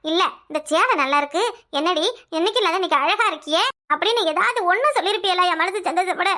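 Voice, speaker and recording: A woman voicing a fiery, quarrelsome young wife in a cartoon, scolding quickly and repeating her lines. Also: very high voice, pushed and bright. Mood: angry, scolding. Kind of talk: cartoon voice acting.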